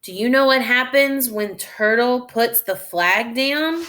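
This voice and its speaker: In a fairly high voice, a woman reads a story for children as a teacher might. She muses aloud and walks young listeners through it with deliberate, teaching-style guidance.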